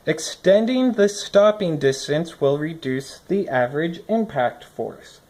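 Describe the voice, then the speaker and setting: Someone with a warm, medium-pitched voice reads a scripted lesson aloud, adding think-aloud asides as they explain it. The recording was made indoors on a phone held above a desk.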